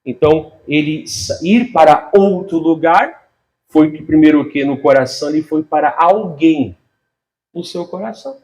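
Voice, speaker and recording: A man preaching a sermon as a pastor, animated, swinging between loud and soft, laughing often and speaking straight to the congregation. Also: on the high side, normal speed.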